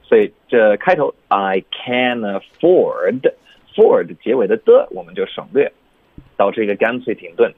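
A man teaching English pronunciation on a radio program, explaining patiently and sounding words out slowly. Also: lowish voice, big pitch swings, slightly rough, no echo. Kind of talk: radio lesson chat. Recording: narrow phone-like sound.

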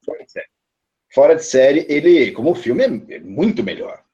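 A Brazilian man talks casually with a very lively, swooping voice. He is relaxed and slangy, and his audio sounds dull and lo-fi. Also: medium pitch, a little fast. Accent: Brazilian Portuguese. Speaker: panelist. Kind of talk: casual roundtable chat.

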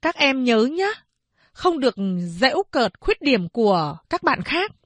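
A woman voicing a kind young female schoolteacher who speaks gently but firmly in an audiobook. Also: high voice, sing-song, unhurried, no echo, pitched above the performer's own voice, exaggerated voice. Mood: gentle. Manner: gentle, coaxing, polite.

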